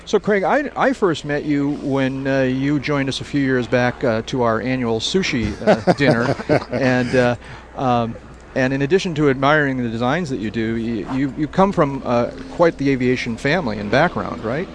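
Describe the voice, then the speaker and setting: A man's voice: medium pitch, moderate pace, few pauses, slight background noise. A man hosting a podcast outdoors at an airfield, introducing a guest and prompting him with questions. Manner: friendly interviewer, prompting questions. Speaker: podcast host. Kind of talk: casual outdoor podcast chat.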